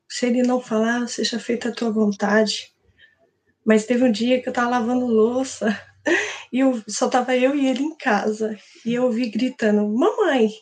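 A woman's voice: on the high side, darkish tone. Earnest Brazilian woman sharing her testimony. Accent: Brazilian Portuguese. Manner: earnest, emotional storytelling with quoted prayers. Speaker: church member giving testimony. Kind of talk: personal testimony.

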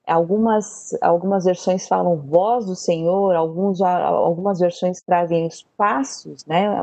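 A woman teaching an online Bible language lesson, taking her time over every word. She talks very slowly and patiently and repeats each term so her learners can follow. The sound is close and dry, with no room echo. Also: fairly low pitch, vocal fry, warm tone. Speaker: Hebrew teacher.

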